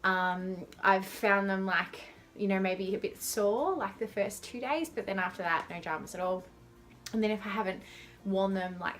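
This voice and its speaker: A woman's voice: on the low side, bright, forceful tone. Young woman vlogger with a whistling, lisping s. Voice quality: lisp with slurred, whistling s sounds from dental aligners. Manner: informal, rambling, self-deprecating. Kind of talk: casual chatty talk to camera.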